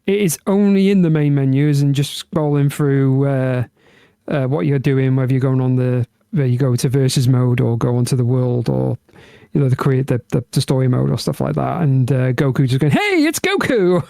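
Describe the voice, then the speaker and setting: A man's voice: medium pitch, flat delivery, normal speed, vocal fry, mellow, clean tone, no echo, studio quality. A man co-hosting a podcast, chatting casually and rambling through many restarts. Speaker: podcast co-host. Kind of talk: casual chat about game music.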